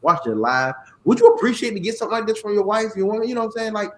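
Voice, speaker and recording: A man hosting a casual chat, animated and playful, reading greeting-card lines aloud, with a slight cough. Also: sits high, racing, reverberant. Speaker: podcast host.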